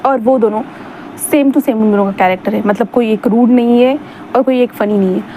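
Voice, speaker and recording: A woman's voice: a little high, moderate pace, dark tone. Chatty woman narrating fan fiction. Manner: chatty, repeats filler words. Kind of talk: casual storytelling. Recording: dull lo-fi sound, faint hum.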